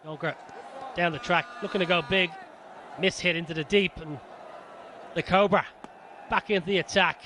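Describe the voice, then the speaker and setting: A man's voice: sits high, fairly even intonation, brisk, pauses often. A man giving live cricket commentary as a match commentator. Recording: stadium crowd noise behind. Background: noisy cricket stadium crowd.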